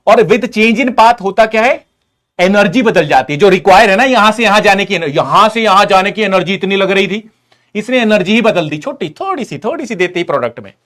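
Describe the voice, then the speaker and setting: A man's voice: high voice, animated, a little fast, fairly bright tone. Chatty, teasing male chemistry teacher. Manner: chatty and teasing, addresses students as buddies; explains with everyday stories. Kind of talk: casual live online class.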